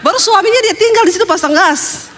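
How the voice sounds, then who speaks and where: A woman's voice: very high-pitched, quick pace, fairly bright tone. A woman pastor telling stories in a sermon, chatty and humorous, laughing at her own jokes. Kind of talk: storytelling sermon. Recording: long hall reverb.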